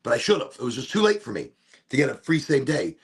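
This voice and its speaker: Hosting a relaxed solo smoke session, a man rambles through a casual monologue, drifting off topic from tangent to tangent and breaking into off-key singing. His deep, gravelly voice has a husky edge, he talks fast, and his pitch rises and falls in lively swings.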